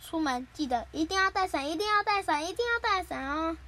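A woman's voice: extremely high pitch, lively intonation, brisk, pushed and bright, full character voice. A woman as a bossy lecturing big-sister bean. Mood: scolding. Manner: scolding, repetitive lecturing.

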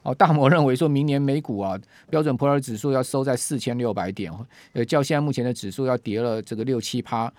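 A male radio host with a Taiwanese Mandarin accent delivers breaking news in a conversational, chatty way. His medium-pitched voice is recorded close and dry, with little room sound. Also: fast, few pauses, darkish tone, no room sound. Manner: frequent sentence-final particles, chatty.

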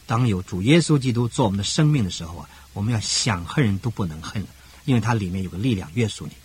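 An older man preaching a radio sermon as pastor, emphatic, with rhythmic parallel phrasing and sudden rises in pitch. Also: expressive, quick pace, a little hiss or hum.

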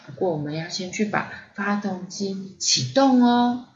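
A woman voicing a cheerful young mother in a storybook reading, with a brisk, motherly manner. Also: medium pitch, animated, roomy sound, slight background noise, natural voice. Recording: slightly dull lo-fi audio.

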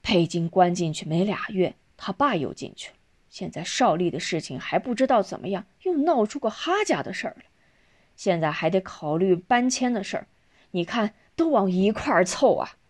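Earnest old guy from an audiobook, read by a woman, steady and patient, voice rises and falls a lot. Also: mid-range voice, normal speed, close to an everyday voice. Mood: weary. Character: earnest older man, principled and patient.

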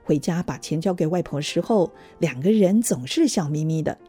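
Husky-voiced woman storyteller. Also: deep voice, normal speed, soft background music. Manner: gentle, even storytelling. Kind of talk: scripted storybook narration.

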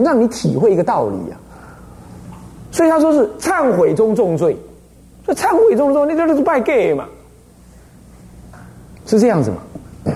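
A man with a Taiwanese Mandarin accent gives a lively Buddhist dharma lecture as an abbot. He tells stories and keeps asking the listeners rhetorical questions. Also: high-pitched. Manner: animated storytelling, frequent rhetorical questions.

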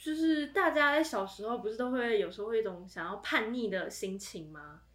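A woman's voice: on the high side, brisk. A young woman, telling stories in a casual podcast chat with lots of laughter. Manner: animated storytelling with frequent laughter. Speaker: podcast co-host. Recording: echoey room.

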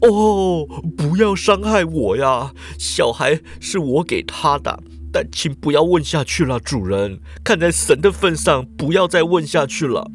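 A man's voice: a little high, animated, pitched above the performer's own voice, lightly acted. A man putting on a frightened old shepherd. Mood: pleading. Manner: slow, moaning, pleading delivery.

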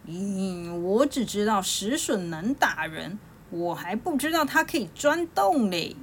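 A woman voicing a proud, gruff male mountain god who sneers at two small children in a storybook tale. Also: mid-range voice, very animated, measured pace, slight background noise. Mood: scornful. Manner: scornful, sneering.

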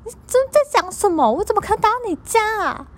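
A woman doing a rude male customer who has completely lost his temper. The voice shoots up shrill and strained, ranting indignantly. Every line comes out as an accusation. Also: animated, fast talker, fairly bright tone. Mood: enraged.

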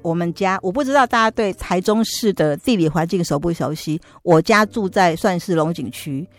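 A middle-aged woman with a Taiwanese Mandarin accent, telling a lively personal story as an interview guest. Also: on the low side, moderate pace, faint music behind. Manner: lively storytelling, acts out quoted voices. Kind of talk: casual testimony storytelling.

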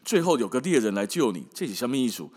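Talking fast and very animated, this podcast host has a mid-range, darkish, slightly rough voice and a Taiwanese Mandarin accent. His casual storytelling monologue is colloquial, wry and emphatic, and he keeps throwing in rhetorical questions.

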